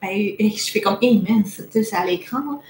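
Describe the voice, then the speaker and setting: Being interviewed casually in Québec, this French productivity coach chats cheerfully, mixing her Montpellier accent with Québécois expressions. She has a medium-pitched, darkish voice at a moderate pace, captured in a low-quality, reverberant recording with slight background noise.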